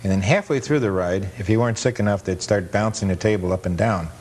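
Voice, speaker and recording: A guest film collector and amusement park historian talks over old footage in a casual, matter-of-fact way, packed with details and anecdotes. He speaks quickly with a slightly mellow voice, and the audio is noisy, rumbly 1980s cable TV sound.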